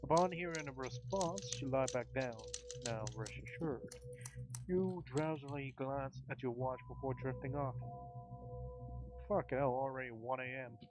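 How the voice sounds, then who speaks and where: A man's voice: medium pitch, unhurried, background noise. A man streaming a mystery game, reading its narration aloud in a casual way, with offhand swearing and muttered asides.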